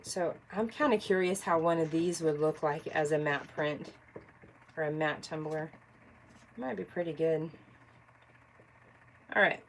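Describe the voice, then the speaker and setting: A woman's voice: low voice, a little slow, long pauses, a little hiss or hum, rough recording. A woman chatting casually during a live craft stream, congested from allergies, thinking aloud and answering viewers by name. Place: home craft workspace.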